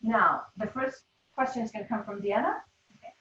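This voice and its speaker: Brisk woman trainer in an echoey room. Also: fairly high pitch, noisy background. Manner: brisk, instructive, laughs often. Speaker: teacher trainer. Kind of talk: leading a classroom game demo. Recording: roomy, distant, dull classroom sound.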